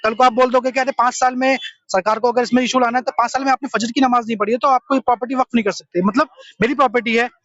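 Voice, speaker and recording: A young man with a very high voice speaks earnestly in a street interview and explains his view point by point. His speech is dry and close, with a dull, lo-fi sound. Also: steady tone, very fast, few pauses, a bit bright, no room sound. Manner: earnest, explanatory, mixes English terms.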